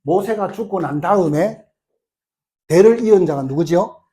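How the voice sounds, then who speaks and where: A middle-aged male pastor preaching a sermon, telling the story with lively acted-out dialogue. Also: high-pitched, moderate pace. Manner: animated storytelling, acting out the quoted lines.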